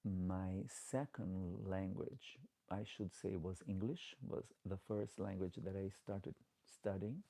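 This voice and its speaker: A Portuguese-accented drag queen, out of drag, reads comments aloud and asks for likes during a chatty late-night livestream. His low, creaky, mellow voice takes things slowly, yet he hardly pauses at all.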